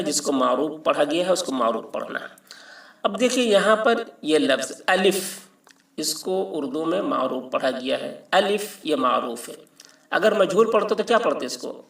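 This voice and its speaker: A man's voice: fairly high pitch, gravelly, recorded from a distance. Patient man teaching the alphabet, roomy echo. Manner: patient, repeats and spells out each letter. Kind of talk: alphabet lesson. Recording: echoey room, mic set back.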